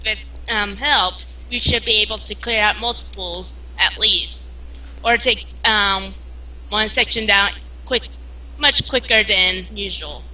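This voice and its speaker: A woman's voice: mid-range voice, unhurried. A woman playing a tabletop game, rambling and hesitant in casual chat, in a dull lo-fi recording. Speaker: player.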